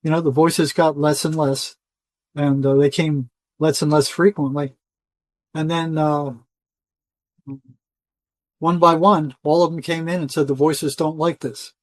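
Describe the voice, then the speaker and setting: As a guest in a relaxed interview, a retired psychotherapist, an older man with a somewhat high voice, spins loose, colloquial stories and acts out quoted lines. He speaks a little slowly with long pauses and little pitch movement, and the sound is dry with very little room echo.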